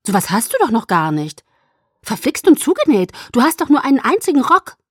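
A woman voicing a cheerful, teasing young female vampire in an audiobook, with a raised, bubbly voice and a breathy tone. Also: mid-range voice, sing-song, fairly quick, darkish tone, no room sound, clean studio sound. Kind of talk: audiobook character voice.

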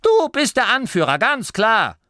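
A bossy old gnome grandmother snaps and scolds in a high, sharp voice, as a male audiobook narrator puts her on. The sound is dry and close. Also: wildly swooping pitch, a little slow, no room sound, full character voice. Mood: scolding.

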